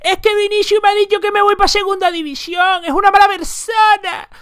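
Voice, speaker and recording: A man mimicking a whiny adult male footballer who plays the victim, in a high nasal whine. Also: fairly even intonation, brisk, fairly bright tone.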